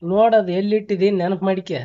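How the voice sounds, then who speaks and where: On a noisy, band-limited phone call, a man speaks briskly in a high-pitched, steady voice. His North Karnataka accent comes through as he repeats his questions, needling and scolding in casual banter.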